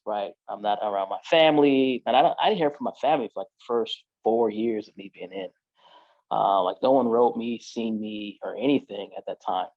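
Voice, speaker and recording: A man's voice: mid-range voice, dry recording, lo-fi sound. A man, a podcast guest, telling his own story in casual street slang, full of "like" and "you know".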